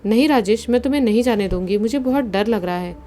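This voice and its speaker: A woman's voice: a little high, fast talker, mellow, slight background noise, lightly acted. A woman reading the lines of a frightened young woman in a horror story, who begs her friend not to go. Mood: pleading.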